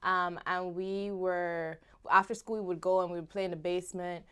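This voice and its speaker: Smooth-voiced Barbadian woman, low-pitched. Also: steady tone, normal speed, bright, forceful tone. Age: young adult. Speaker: guest singer. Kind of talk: casual interview chat.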